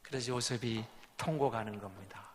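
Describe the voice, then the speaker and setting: A male pastor preaching a sermon, dramatic and swinging between whispers and loud exclamations. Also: fairly low pitch, moderate pace, in a large hall, slight background noise. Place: church sanctuary.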